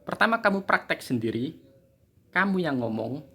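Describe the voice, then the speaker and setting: A man's voice: fairly high pitch, sing-song, normal speed, bright, forceful tone, breathy edge. A man, teaching a casual English lesson, chatty and joking at his own expense. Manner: chatty, joking, laughs at himself.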